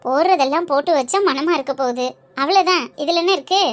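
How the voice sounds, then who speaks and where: A woman voicing a homely middle-aged mother in a family cartoon, giving calm, matter-of-fact advice. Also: sits high, fast, lightly acted. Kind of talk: cartoon voice acting.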